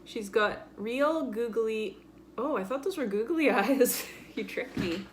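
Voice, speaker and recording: A woman with a high-leaning, animated voice speaks slowly over a little hiss or hum. Presenting a children's story time, she's casual and playful, showing things and explaining them simply.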